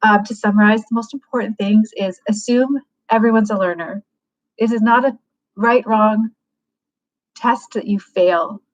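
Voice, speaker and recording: Woman, casual livecast advice, frank, thinking aloud, fillers, middle pitch, dull lo-fi audio. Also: measured pace. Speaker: livecast host giving advice.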